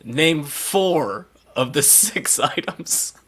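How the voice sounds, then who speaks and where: A man's voice: fairly high pitch, expressive, drawn-out words, a bit bright, breathy edge. A man hosting a casual live podcast watch party and running trivia, laughing often as he talks.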